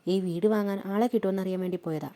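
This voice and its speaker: A woman's voice: medium pitch, fairly even intonation, fast, mellow, natural voice. A woman voicing a worried young seamstress who pleads and frets. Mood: resigned. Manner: pleading, anxious questions.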